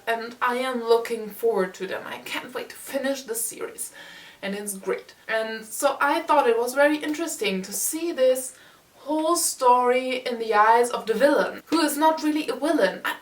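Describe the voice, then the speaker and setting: A young woman with a German accent reviewing a book in a casual, enthusiastic way, often stumbling and repeating words. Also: on the high side. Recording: roomy echo, mic set far off.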